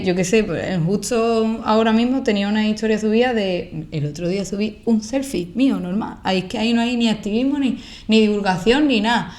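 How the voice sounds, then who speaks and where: A woman's voice: medium pitch, darkish tone. Young Andalusian woman, colloquial and emphatic. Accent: Andalusian Spanish. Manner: colloquial, emphatic, with rhetorical questions. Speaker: guest, social media creator and activist. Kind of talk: casual, opinionated interview talk.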